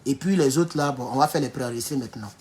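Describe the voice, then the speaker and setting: Talking very fast, an Ivorian French political commentator reads his viewers' comments during a casual livestream. Animated and often laughing, he mocks as he goes, sinking into low mutters and then erupting loudly, despite a sore back.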